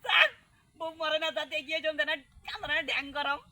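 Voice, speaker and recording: A man's voice: very high voice, brisk, bright, forceful tone, dry recording, heavily acted. Rahim, a man playing a wailing village joker. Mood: gleeful. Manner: exaggerated wailing, sing-song lament. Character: comic village man Rahim, fake-mourning his wife. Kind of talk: comedy skit acting.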